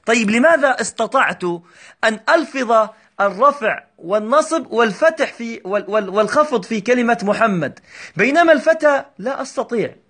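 A male teacher explaining a grammar lesson, patiently repeating examples slowly and checking that his students follow. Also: very high voice, expressive, fairly bright tone.

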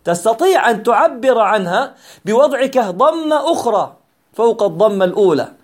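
Man, very high voice, grammar teacher, patient explaining, repeats himself, asks and answers own questions. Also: big pitch swings, normal speed.

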